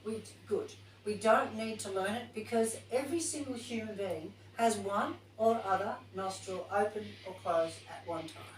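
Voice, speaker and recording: A woman's voice: medium pitch, moderate pace, hardly any pauses, a little hiss or hum. Woman, yoga teacher trainer, chatty and informal, recorded from a distance, roomy echo. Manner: chatty, informal, thinks aloud while reading. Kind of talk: casual group class talk. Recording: distant, echoey room recording.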